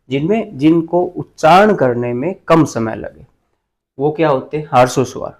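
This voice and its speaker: A male teacher giving an exam-prep grammar lesson, explaining slowly and asking and answering his own questions. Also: mid-range voice, darkish tone.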